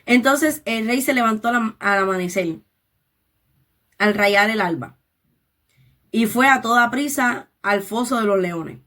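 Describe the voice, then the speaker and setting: Slow-spoken woman teaching the Bible. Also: on the high side, a bit bright. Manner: slow, deliberate explaining with English interjections; reads scripture aloud and paraphrases it.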